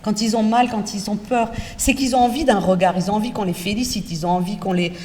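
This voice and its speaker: A woman lecturer teaching future teachers, talking in a lively way and putting direct rhetorical questions to her students. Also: medium pitch, a little fast. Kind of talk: university lecture. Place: lecture hall. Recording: echoey lecture hall from far off, faint noise.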